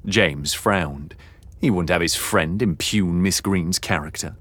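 A man narrating an audiobook novel in a measured, dramatic reading. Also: low-pitched, fairly bright tone, dry recording. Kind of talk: scripted narration.

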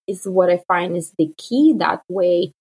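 A woman from Kazakhstan, a native Russian speaker with a Kazakh accent, talks casually as a marketing guest in an interview. Her lowish voice moves at a measured pace, and she's relaxed, with many fillers like "kinda" and "like." A little hiss or hum is audible.

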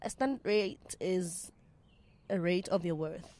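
A woman's voice: lowish voice, unhurried, a little mellow. A South African woman speaking as an interview guest in candid, casual chat, emphatic and repeating her phrases, with slang mixed in. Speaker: interview guest, actress and media personality.

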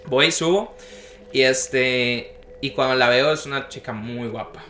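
A man's voice: medium pitch, a little slow, fairly bright tone. A young man casually telling a long story about his dreams, acting out the voices of the people in it. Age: young adult. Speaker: podcast guest. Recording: echoey room with faint noise.

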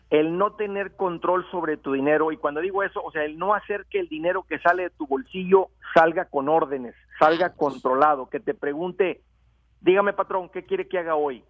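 A man's voice: high-pitched, no room sound, narrow, tinny audio. A man giving money advice on a radio show, friendly with stumbling restarts. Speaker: financial expert guest.

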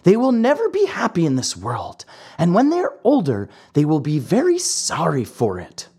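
A woman voicing a wise old male cricket who lectures in a calm, breathy voice. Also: on the low side, moderate pace, voice pushed up, heavily acted. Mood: solemn.

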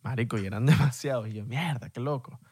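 A young man with a Venezuelan accent, his voice mid-pitched and heard dry and close with no room sound. He co-hosts a podcast in loose, rambling chat, circling back and restarting his sentences. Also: quick pace, darkish tone, breathy edge, dry recording. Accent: Venezuelan Spanish. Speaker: podcast co-host. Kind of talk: casual chat.

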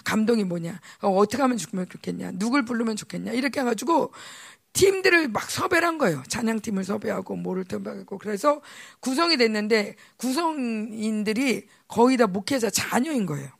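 A woman, a pastor's wife, preaching a conversational sermon during a church service and telling lively stories that act out the people in them. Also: a little high, a little fast, vocal fry. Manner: animated storytelling, acts out quoted voices.

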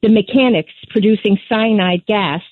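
A woman's voice: mid-range voice, moderate pace, no echo. A woman from New Jersey calling in to a radio show over the phone, talking hesitantly with many ums and uhs. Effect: calling in over a phone line. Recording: dry tinny phone line.

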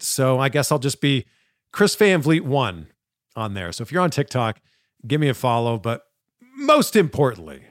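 A man's voice: a little high, no echo, clean studio sound. A man from Canada hosting a podcast, casual and upbeat as he interviews his guest. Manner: upbeat, animated. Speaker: podcast host.

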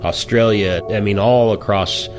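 Plainspoken low-voiced man telling a story. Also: steady tone, a little slow, music in the background. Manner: casual, plainspoken, with fillers. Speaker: interviewee. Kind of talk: recounting a personal story.

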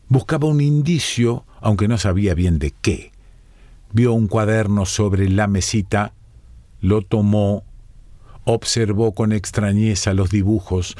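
A male narrator with a Rioplatense accent reads an audiobook calmly and steadily. His voice sits very low and dark, and the sound is close and dry. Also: dry recording. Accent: Rioplatense Spanish.

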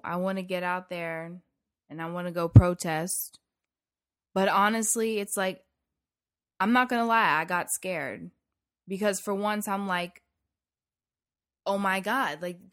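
A woman's voice: medium pitch, a bit bright. A woman co-hosting a podcast, speaking in an emotional, heartfelt and pleading way. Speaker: podcast co-host. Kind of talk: casual podcast chat.

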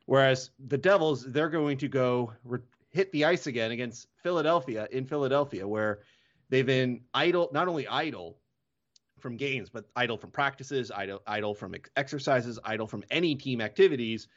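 A man's voice: medium pitch, moderate pace, lo-fi sound. A man hosting a hockey podcast in casual chat, often correcting himself mid-sentence. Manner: rambling, self-correcting.

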